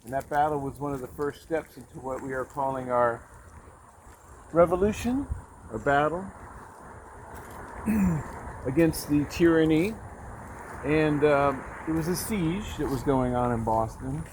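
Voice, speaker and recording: A man's voice: on the high side, measured pace, pauses often, a little mellow, slight background noise, poor audio. A man presenting and explaining to viewers in a folksy, direct way with rhetorical questions, speaking outdoors. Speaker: presenter of a local information show. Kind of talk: semi-scripted explanatory presentation. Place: outdoors at an open field.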